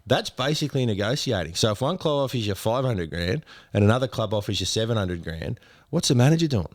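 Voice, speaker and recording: A low-pitched Australian man, sick, rants and grumbles with dry sarcasm in a casual sports chat. His voice is recorded close and dry, with no room sound. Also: big pitch swings, fast, no room sound. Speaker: podcast co-host.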